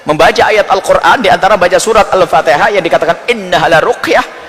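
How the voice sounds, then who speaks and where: A man preaching a sermon with an animated, mocking manner, often mimicking others in quick asides. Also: sits high, big-room sound.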